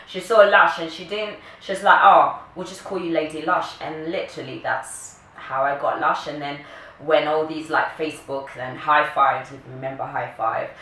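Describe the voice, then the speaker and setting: Echoey woman vlogger, bright voice. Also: sits low. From Kenya, later the UK. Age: early 30s. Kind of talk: casual chat to camera. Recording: echoey room, distant mic, faint noise.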